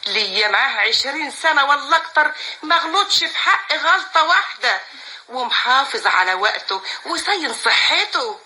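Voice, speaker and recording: A woman's voice: high voice, lively intonation, normal speed, bright, forceful tone, exaggerated voice, rough recording. An actress playing a motherly, persuasive older neighborhood woman, with an Egyptian accent. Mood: coaxing. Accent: Egyptian Arabic.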